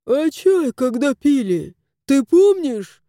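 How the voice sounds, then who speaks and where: A woman's voice: sits high, sing-song, takes it slowly, mellow, no room sound, studio quality, pitched above the performer's own voice, full character voice. A woman voicing a vain, indignant male house cat who complains theatrically in a storybook reading.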